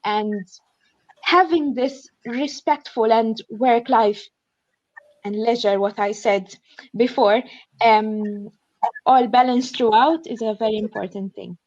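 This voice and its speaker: A young woman from Malta, speaking with a Maltese accent, reads her notes on an online student panel from a shared flat at home, earnest and thinking aloud with many fillers. Her voice is on the high side with a darkish tone and fairly even intonation, and she takes it slowly. The computer mic on the video call leaves no room sound and cuts the highs.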